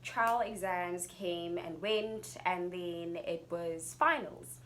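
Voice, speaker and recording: A young adult woman with a South African accent tells a personal story in a casual, chatty, expressive vlog style. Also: lowish voice, takes it slowly. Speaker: YouTuber telling a personal story.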